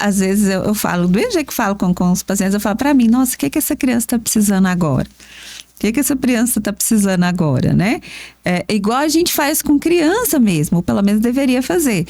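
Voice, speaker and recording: A woman's voice: a little high, brisk, no echo. A Brazilian woman, a therapist co-hosting a podcast, chatting casually and acting out talks with her kids. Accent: Brazilian Portuguese. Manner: animated storytelling, acts out dialogues with her children.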